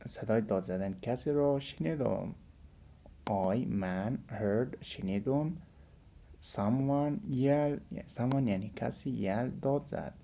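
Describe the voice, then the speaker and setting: Male English tutor, Persian accent, low and mellow, drills phrases slowly. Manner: repeats English phrases slowly, then translates. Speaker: English teacher. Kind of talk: language lesson.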